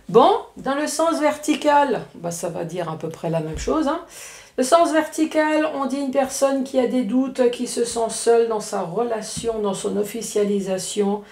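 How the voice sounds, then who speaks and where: A woman's voice: mid-range voice, creaky, darkish tone. Woman, Alsatian accent, casual tarot reading, chatty and joking, roomy echo. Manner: chatty, joking asides, frequent "hein" tags. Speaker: card reader.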